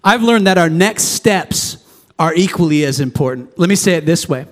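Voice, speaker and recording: A male pastor delivers an impassioned sermon, his voice sitting noticeably high. He drives points home by repeating phrases and briefly acting out the figures he preaches about. The sound rings with the long reverb of a church sanctuary. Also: animated, normal speed. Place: church sanctuary before a congregation.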